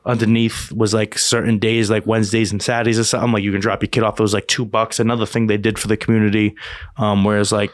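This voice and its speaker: A man's voice: on the low side, flat delivery, fast talker, no echo, studio quality. A young man from the Boston area with a Boston accent, co-hosting a casual podcast and telling rambling, filler-heavy stories. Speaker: podcast co-host. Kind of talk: casual chat.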